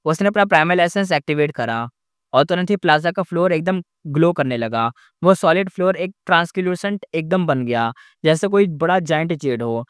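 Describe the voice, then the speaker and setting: A man's voice: fairly high pitch, lively intonation, moderate pace, clean tone, no room sound, clean studio sound. A man recapping a fantasy novel in casual narration, rambling with frequent fillers and restarts.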